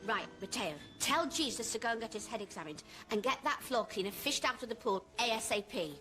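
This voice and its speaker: An actress playing a pushy, pretentious hotel manager in a sitcom. Her fairly high voice jumps around a lot as she snaps out orders. Music plays clearly behind her. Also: animated, lightly acted. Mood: brisk. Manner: brisk, bossy and mock-refined. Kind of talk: sitcom acting.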